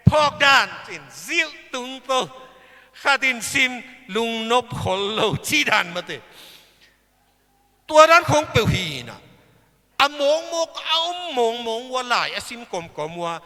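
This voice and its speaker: A man preaching a sermon at a church service, slow and emphatic, with big swings in pitch and loudness. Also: long reverb tail.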